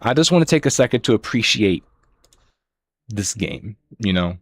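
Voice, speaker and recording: A man's voice: lowish voice, sing-song, normal speed, no room sound. A man livestreaming a game, talking to his viewers in a rambling, slangy, casual way into a close headset-style mic. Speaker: amateur livestreamer. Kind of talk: casual livestream chat while gaming.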